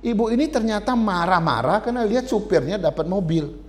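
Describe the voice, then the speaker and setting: A male pastor preaching a sermon in a high, light voice. He talks conversationally and keeps turning to the congregation directly. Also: lively intonation, brisk.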